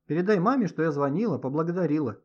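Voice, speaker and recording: A man voicing a gentle, affectionate aunt calling long-distance, in a storybook reading. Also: fairly high pitch, animated, fast talker, pitched above the performer's own voice. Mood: gentle, tired. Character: warm aunt on a phone call. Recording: dull lo-fi audio.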